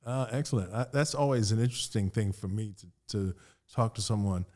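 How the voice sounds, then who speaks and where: A man's voice: fairly low pitch, brisk, dark tone. A man hosting a casual interview, asking questions hesitantly with many fillers. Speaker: podcast host.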